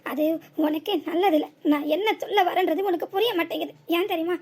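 A woman's voice: very high voice, fairly quick, a little mellow. A woman voicing a stern old mother-in-law in a village cartoon comedy, scolding with a southern Tamil Nadu accent. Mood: lecturing. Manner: scolding, lecturing.

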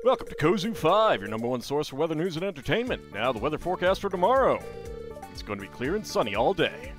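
A man's voice: on the high side, sing-song, fast, fairly bright tone, voice pushed up. A man voicing an upbeat television weather announcer, reading game dialogue in broadcast patter. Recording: music behind the voice.

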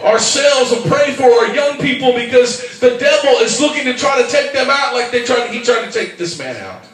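A man preaching a fervent sermon in church, swinging from quiet asides up to shouted, rhythmic calls. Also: very high voice, expressive, moderate pace, distant mic. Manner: fervent, rising to shouts, call-and-response. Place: church sanctuary. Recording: very echoey church hall from afar.

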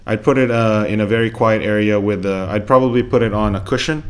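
A man's voice: on the low side, steady tone, brisk, clear, resonant tone. Man casually reviewing a microphone. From Philippines. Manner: rambling, many fillers and restarts. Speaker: tech reviewer. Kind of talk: casual unboxing commentary. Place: home room with laptop fan. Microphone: USB desk microphone held close.

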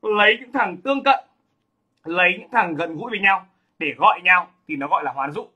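A male literature teacher lecturing high school students, emphatic and constantly checking in with "right?". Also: lively intonation, a little fast, pushed and bright, breathy edge. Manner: emphatic, keeps asking "đúng không?".

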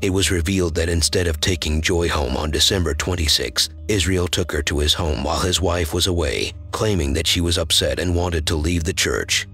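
Deep gravelly male true-crime narrator. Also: a bit bright.

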